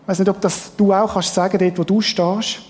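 Pastor preaching in a reverberant church. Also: male voice, sits high, little pitch movement, a little fast, darkish tone. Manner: earnest, plain-spoken preaching with rhetorical questions. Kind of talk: sermon. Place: church hall.

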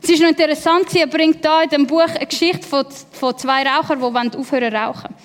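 A woman's voice: high-pitched, steady tone, fairly quick. A woman preaching a sermon, driving points home with repeated phrases and rhetorical questions. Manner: emphatic repetition and rhetorical questions. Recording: long hall reverb.

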